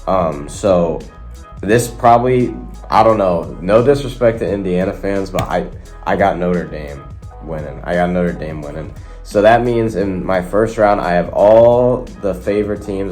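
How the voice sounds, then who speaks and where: This sports video host, a young man, is nasal from a cold and rambles casually to his viewers about sports predictions. He speaks at a moderate pace in a low, slightly mellow voice, with faint guitar music in the background.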